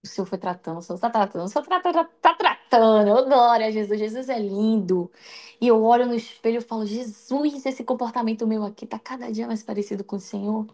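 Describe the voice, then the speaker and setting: A Brazilian woman preaching an emotional, testimonial sermon in a live stream, swinging between loud cries and hushed lines. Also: on the high side, quick pace. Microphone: livestream.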